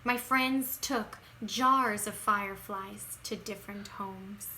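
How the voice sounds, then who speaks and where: A woman reading a children's picture book aloud in an expressive, dramatic way, stretching words for emphasis and moving between hushed phrases and bursts. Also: mid-range voice, takes it slowly, very noisy.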